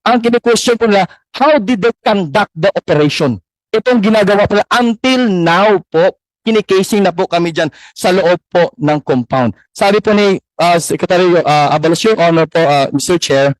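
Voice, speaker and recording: Maalab na lalaking ministro, mataas ang boses. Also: male voice, high-pitched, expressive, a little fast, dry recording, rough recording. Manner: earnest, insistent, very polite. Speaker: church minister testifying at a hearing. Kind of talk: formal testimony. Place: hearing room.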